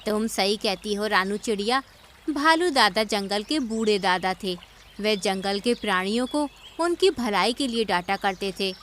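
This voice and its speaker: A woman voicing a wise, kindly aunt bird in a cartoon, calm and reasoning. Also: medium pitch, a little slow, slight background noise, natural voice.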